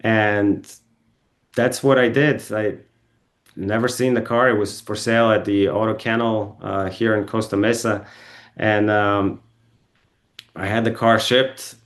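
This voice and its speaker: Low-voiced man telling stories. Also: little pitch movement, measured pace, long pauses. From Bulgaria. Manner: rambling, self-correcting, with frequent ums and restarts. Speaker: podcast guest. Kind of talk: casual storytelling interview. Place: podcast studio.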